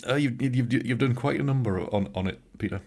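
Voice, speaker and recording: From a home studio room, a middle-aged British man streams casually, editing photos while he jokes and says hello to viewers by name. He has a British English accent and a mid-range, slightly mellow voice that runs a little fast, and he comes across as a bit tired.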